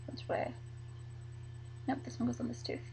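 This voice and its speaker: A young woman chatting casually to camera as a vlogger, rambling and halting, full of likes and ums. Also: a little mellow, slight background noise, poor audio.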